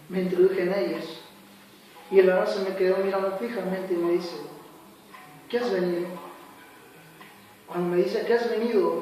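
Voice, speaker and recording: Recorded far from the mic in a very echoey space with faint music behind him, a man shares a personal church testimony. His high, mellow voice carries an earnest, dramatic retelling in which he acts out the quoted voices.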